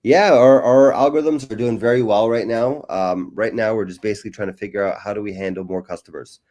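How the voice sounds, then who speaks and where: A man's voice: fairly low pitch, fairly even intonation, a little fast, a little mellow. A man casually explaining how his trading algorithms work, with lots of "right?" checks and fillers. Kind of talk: casual interview chat.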